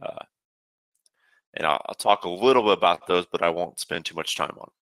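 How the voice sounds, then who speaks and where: A man giving a casual webinar walkthrough of a program as a software trainer, talking steadily with frequent "uh" fillers. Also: sits low, brisk, no echo.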